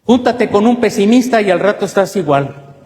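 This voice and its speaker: High-voiced Mexican pastor preaching. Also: male voice, lively intonation, normal speed, a little mellow, a little hiss or hum. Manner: emphatic, asks many rhetorical questions. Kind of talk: sermon. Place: church. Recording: echoey church hall.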